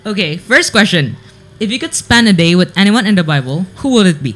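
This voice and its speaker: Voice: mid-range voice, sing-song, fairly quick, a bit bright. Young student host reading questions. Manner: brief, reading set questions. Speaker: student interviewer. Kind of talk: casual school radio interview.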